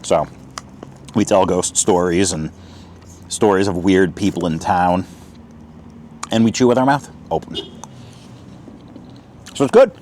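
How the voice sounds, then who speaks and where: With a low, darkish voice, a man talks at a measured pace with long pauses as he reviews a camp meal for his outdoor vlog. He's casual and chatty, eating as he speaks at a picnic spot, and there's slight background noise.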